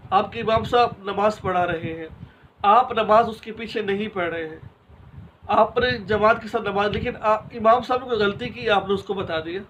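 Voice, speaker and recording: A man's voice: sits high, fairly bright tone, lo-fi sound, a little hiss or hum. A man giving an instructional religious lesson, walking through numbered rules one by one with everyday examples and rhetorical questions, and speaking to his listeners directly. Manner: addresses listeners directly and informally. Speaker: Islamic religious teacher.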